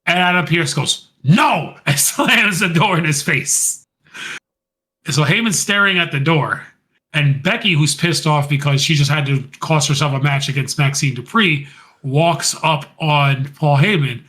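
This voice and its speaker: A man co-hosting a podcast, excitedly retelling a wrestling segment in casual chat. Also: a little high, unhurried. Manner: animated, retells scenes by quoting and laughing. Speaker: podcast co-host.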